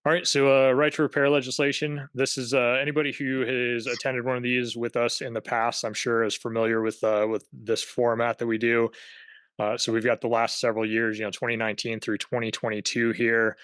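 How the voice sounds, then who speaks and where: A man presenting on a video-call webinar as a government affairs director, speaking haltingly with many fillers and restarts. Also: mid-range voice, flat delivery, fairly bright tone, clean tone, dry recording.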